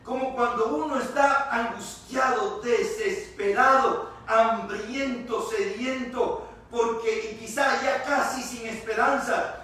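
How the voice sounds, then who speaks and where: A man's voice: very high-pitched, fairly even intonation, slow, pushed and bright. A male pastor preaching a sermon. He stresses his key words by stretching them out and repeating them. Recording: echoey church hall, voice from far off.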